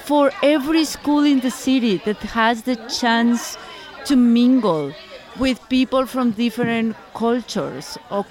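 A woman who is assistant director of an arts nonprofit, explaining earnestly in an interview. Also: fairly high pitch. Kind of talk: interview soundbite.

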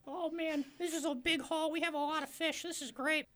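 Excitable comic fisherman, very high voice, easily spooked, exclaiming. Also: a little fast. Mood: gleeful. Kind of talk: improvised comedy role-play.

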